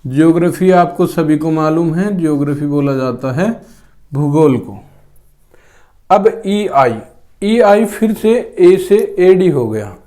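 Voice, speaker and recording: A man's voice: fairly high pitch, animated, takes it slowly, dark tone. A male English teacher with a sore throat, giving a spoken lesson to students and repeating each word several times. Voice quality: clears throat often.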